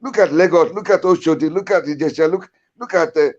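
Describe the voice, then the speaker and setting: A man's voice: fairly high pitch, fairly quick. Emphatic Nigerian man on a lo-fi line. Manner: emphatic, repetitive, interrupting. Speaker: caller. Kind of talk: heated political debate.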